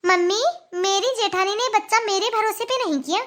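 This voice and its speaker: Woman doing a self-centred young cartoon wife, super high squeaky voice, scoffs and gripes a lot. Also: a little fast. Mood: indignant. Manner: complaining, sharp retorts, scoffing laughs. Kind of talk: cartoon voice acting.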